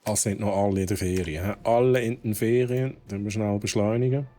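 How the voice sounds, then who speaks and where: A man's voice: fairly low pitch, steady tone, a little fast, warm tone. A man with a Swiss German accent streaming a video game, thinking aloud as he plays and dropping English exclamations. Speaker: gaming streamer. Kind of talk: casual let's-play commentary.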